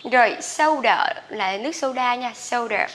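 Woman teacher, Vietnamese accent, bright, fairly high, careful word drills. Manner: slow careful drilling of English words, chatty asides. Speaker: English teacher. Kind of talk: bilingual vocabulary lesson.

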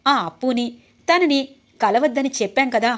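Woman reading as mocking young wife, taunting, fairly high voice. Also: lively intonation, moderate pace, fairly bright tone.

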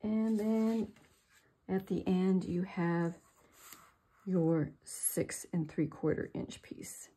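An older woman hosts a craft tutorial, chatting through a step-by-step demonstration at her work table. Her voice is fairly low, mellow and husky. She speaks slowly, chattily and with self-deprecating humor.

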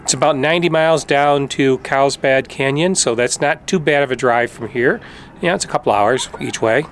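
A man's voice: medium pitch, moderate pace, a little hiss or hum. Middle-aged man chatting on a travel vlog. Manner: relaxed, informative, with fillers. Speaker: travel vlogger. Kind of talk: casual travel vlog chat. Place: outdoors by a desert lake and campground. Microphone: camera held at arm's length.

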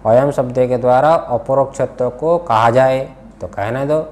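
Indian guy teaching scripture, keeps quizzing the class, repeats words, average pitch. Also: a little slow, a little mellow. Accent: Hindi-speaking Indian. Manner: questions students, repeats key words. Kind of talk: classroom lesson, explaining a text.

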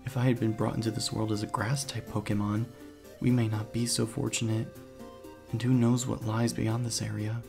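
Background music plays as a man voices the hero in scripted first-person narration for a game playthrough. The narrator and let's player has a lowish voice with vocal fry.

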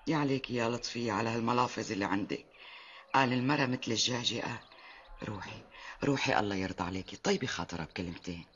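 A woman's voice: rumbling low, racing, muffled recording. An actress in a Syrian TV drama playing an older, motherly mother-in-law who scolds fondly, with a Damascene accent. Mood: soothing. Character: older kindly mother-in-law, head of household.

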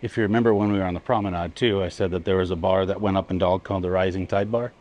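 On a cruise ship, moving between indoor spaces and open decks, a travel vlog co-host gives an easygoing, chatty walking tour, laughing between remarks. His voice sits low and steady with a darkish tone, and he talks at a racing clip. The recording is muffled, with slight background noise.

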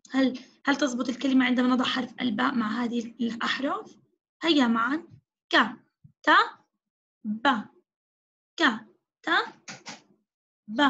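A woman's voice: sits high, slightly rough. A woman teaching an online phonics lesson to young children, stretching out each sound and praising often. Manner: drawn-out syllable-by-syllable spelling with frequent praise. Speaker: kindergarten teacher. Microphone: video call. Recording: dull lo-fi video call audio.

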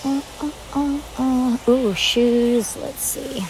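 A woman's voice: sits high, fairly even intonation, slow pace, darkish tone, a little hiss or hum, low-quality recording. A woman vlogging as she shops in a large store, chatting to her viewers in a rambling, casual way. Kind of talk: casual chat while shopping.

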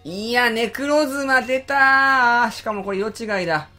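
A man hosting a game channel, giving live commentary with excitable exclaiming reactions and rapid grumbling. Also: very high-pitched, faint music behind.

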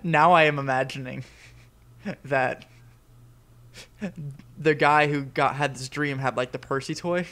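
A man's voice: medium pitch, fairly even intonation, unhurried, long pauses, pushed and bright. Joking man in casual podcast chat. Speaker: podcast co-host.

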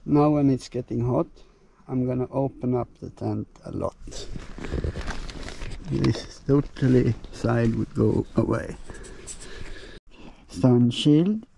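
Slow, gravelly Swede narrating a camping vlog. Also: male voice, mid-range voice, dark tone. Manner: halting, searching for words in English. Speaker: bike touring vlogger. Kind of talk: casual solo vlog narration. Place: outdoors and inside a small tent in a forest. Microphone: action camera held close.

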